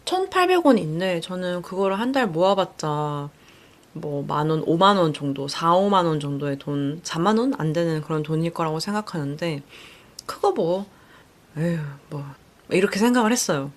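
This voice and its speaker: A young woman hosting a casual podcast, chatting reflectively about a book she read and often acting out her own thoughts in lively voices. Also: fairly low pitch, moderate pace. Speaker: podcast host.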